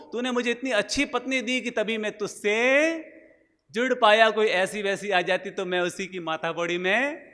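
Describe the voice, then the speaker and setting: A man's voice: sits high, pushed and bright. A male monk preaching a sermon, telling anecdotes and asking rhetorical questions. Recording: long hall reverb.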